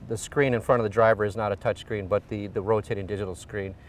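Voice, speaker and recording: A man's voice: on the low side, steady tone, fast, recorded from a distance, a little hiss or hum. Middle-aged man explaining tech outdoors. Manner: explanatory, with frequent fillers. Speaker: engineering executive. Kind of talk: on-camera interview. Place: outdoors beside a car. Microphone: lapel.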